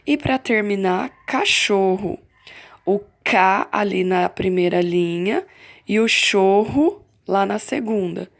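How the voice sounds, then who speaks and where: A woman from Brazil, a primary school teacher, giving a slow and patient remote lesson to children and stretching out key words. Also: medium pitch, creaky.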